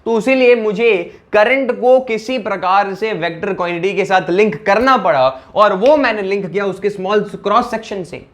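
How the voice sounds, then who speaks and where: A man's voice: sits high, moderate pace, few pauses, a bit bright. A man teaching a physics lecture in a conversational way, often repeating phrases and asking the class for a yes or no.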